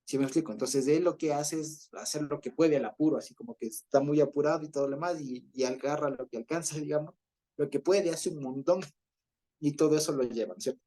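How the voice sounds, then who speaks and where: A man's voice: fairly high pitch, a little fast, warm tone. A man teaching an online Bible class over a video call, explaining patiently, often checking in with listeners and chuckling as he goes.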